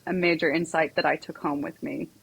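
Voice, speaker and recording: A woman's voice: deep voice, steady tone, brisk, vocal fry, husky, poor audio. A woman psychotherapist and equine coach, talking as a podcast guest in a chatty storytelling way, full of "like" and "you know". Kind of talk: casual podcast conversation.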